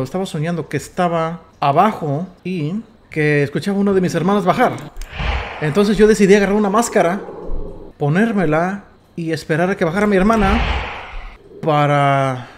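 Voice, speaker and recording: A Mexican man commentating his gameplay casually, excitable and quick to swear, stammering as he tells stories. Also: high-pitched, a little hiss or hum. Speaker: gamer. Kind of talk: casual let's play commentary.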